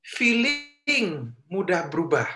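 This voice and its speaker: A man's voice: high voice, sing-song, slow pace, bright, forceful tone. A man with an Indonesian accent giving a casual youth sermon. He often questions his listeners and slips English phrases into his talk. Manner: chatty, asks the audience questions, mixes in English phrases. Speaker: youth pastor. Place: church room. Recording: echoey room.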